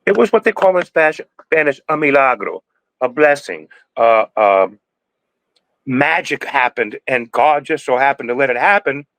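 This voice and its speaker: In casual interview talk, a sixties-aged cannabis breeder on a podcast rambles, lectures and often starts over. His mid-range voice is expressive and fairly bright, at a moderate pace. The audio is poor but free of room sound.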